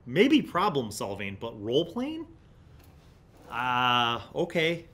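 Slow and a bit bright, this medium-pitched male voice swings hugely in pitch. The speaker is a middle-aged host of a tabletop gaming review series, musing casually in halting phrases and reading excerpts aloud. He sits at a desk mic in a small indoor studio room.

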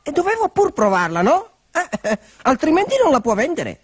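A cheeky, half-starved dog from a children's story, as a man puts on his voice. He talks high and sing-song, with big swoops in pitch. He fumbles and stammers through sly excuses. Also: huge pitch swings, normal speed, no echo, studio quality, full character voice. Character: cheeky skinny hungry male dog. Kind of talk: storybook character voice.

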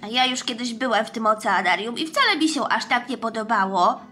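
A blunt, unimpressed boy in a doll-game story, acted out by a woman. The voice drops well below the performer's usual pitch and sounds offhand, with music underneath. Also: expressive, brisk, bright, forceful tone.

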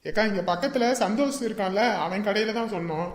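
A woman's voice: medium pitch, fast talker. A woman in a comic family skit, easygoing and teasing. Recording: echoey room with long reverb.

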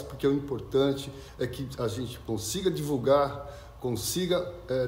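A Brazilian man in his fifties delivers a statement in a mid-pitched voice. The room echoes clearly and has faint noise. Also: a little mellow. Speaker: festival general director. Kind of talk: statement to camera. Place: indoor festival room.

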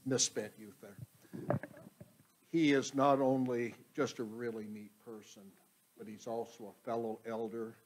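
An older man, the pastor, warmly introducing a fellow elder in a small church, holding a handheld microphone. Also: medium pitch, flat delivery, measured pace, background noise. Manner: warm, affectionate introduction. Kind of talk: introducing a speaker.

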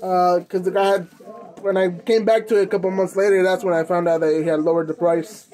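Halting, slangy young American man vlogging. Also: high voice, little pitch movement, a little mellow. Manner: halting, slangy, informal delivery. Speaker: host of a clothing collecting channel. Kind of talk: casual unboxing vlog. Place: indoors in a room at home.

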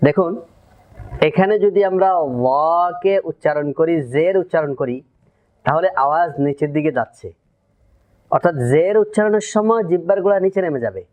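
A man leads a Quran pronunciation lesson, breaking down each sound and repeating the syllables in slow drills. His voice sits a little high. The recording is dull and lo-fi. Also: lively intonation. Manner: explains step by step, drills letter sounds slowly. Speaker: Quran recitation teacher.

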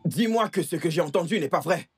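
A man's voice: on the high side, lively intonation, fairly quick, husky, faint music behind. A man playing an accusing young brother. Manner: accusing, insistent. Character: worried young man confronting his sister. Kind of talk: dubbed film dialogue.

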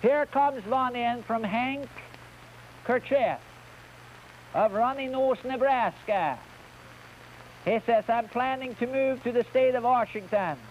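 A man playing a bumbling, boastful Swedish answer man with a mock Swedish accent and broken grammar, delivering jokes slowly on an old TV show. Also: very high voice, slight background noise. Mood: deadpan. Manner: slow, deliberate joke delivery with broken grammar. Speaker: children's TV entertainer. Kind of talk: comic question-and-answer routine. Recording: dull old TV recording with music.

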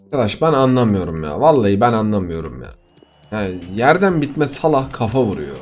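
A young gaming YouTuber gives casual live commentary on his own match, talking to viewers over faint music. His lowish voice swings widely in pitch at a brisk pace, going from frustrated mutters to outbursts.

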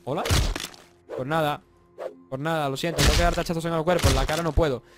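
A man's voice: on the high side, quick pace, loud music behind the voice. A young man from Spain with a Spanish accent, giving casual let's-play commentary, joking and swearing, a little congested with a sore throat. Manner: excitable, swearing, joking, bursts into yells. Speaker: gaming YouTuber.

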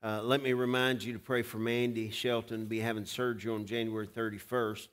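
A man with a Southern US accent, a preacher speaking informally and haltingly to his congregation in a folksy, exhorting manner. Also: on the low side, flat delivery, a bit bright. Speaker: pastor. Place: large church sanctuary, at the pulpit.

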